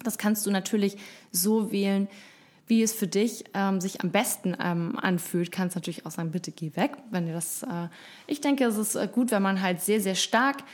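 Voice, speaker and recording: A woman's voice: mid-range voice, fairly even intonation, moderate pace. A woman hosting a casual motivational self-help talk, frank and encouraging, with blunt swear words. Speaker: self-help podcast host.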